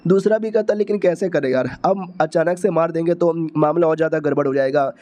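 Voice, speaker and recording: A man's voice: fairly high pitch, fairly quick, warm tone. A man casually recapping a comic story in a chatty, colloquial way.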